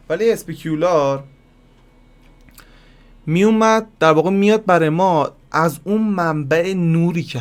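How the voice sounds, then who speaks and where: A man giving a casual screen-recorded software lesson, talking to viewers like friends and thinking aloud as he clicks through settings. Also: a little high. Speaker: software tutorial instructor.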